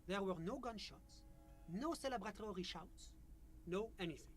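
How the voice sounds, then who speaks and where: A courteous, composed witness. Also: male voice, sits high, expressive, brisk, a bit bright, faint music behind. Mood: calm. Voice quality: formal, courteous manner. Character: polite, composed male witness.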